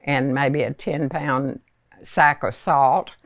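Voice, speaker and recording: A very old woman in her nineties with a Southern US accent, reminiscing in a hesitant, unhurried storytelling way with many pauses. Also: a bass voice, steady tone, dry recording, studio quality. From rural Arkansas, United States. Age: 90s, very old. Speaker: elderly interviewee recalling childhood. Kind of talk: reminiscing oral history.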